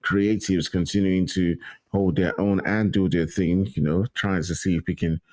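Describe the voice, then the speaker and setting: Laid-back low-voiced male co-caster. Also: normal speed. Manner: relaxed, repeats himself with fillers. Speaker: esports co-caster. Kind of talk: esports color commentary.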